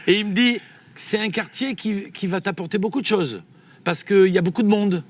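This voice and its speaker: A man with a southern French accent, a singer, telling lively anecdotes in an interview and laughing often. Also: high voice, moderate pace. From south of France. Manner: lively storyteller, laughs often, acts out dialogue. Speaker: singer guest. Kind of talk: storytelling interview.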